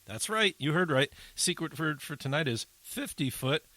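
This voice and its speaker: A man with a fairly high, expressive, bright and forceful voice tells a story at a moderate pace on his aviation talk podcast. He's a host and pilot, and his casual radio-style chat rambles and jokes along with plenty of fillers, recorded with no echo.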